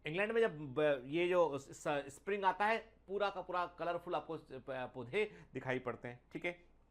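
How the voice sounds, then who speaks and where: Teaching biology in an online exam-prep lecture, this high-voiced man is expressive. He code-switches between Hindi and English and takes English passages slowly when reading them out. He refers to students as "beta" and habitually adds "theek hai."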